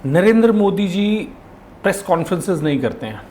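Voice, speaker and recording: Podcast host guy asking questions politely, slightly high voice, faint hiss behind. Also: sing-song, fairly quick, mellow. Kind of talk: interview questions.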